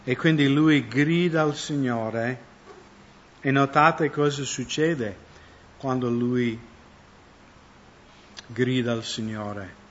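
A man's voice: medium pitch, takes it slowly, long pauses, slight background noise. Man preaching a sermon, lo-fi. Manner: conversational, asks the audience questions. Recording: dull lo-fi recording.

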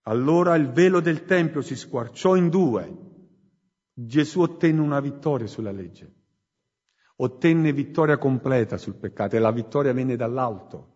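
A man preaching a sermon in a church hall, slow and emphatic, swinging between loud and hushed phrases. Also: medium pitch, slightly rough. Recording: muffled recording with long hall reverb.

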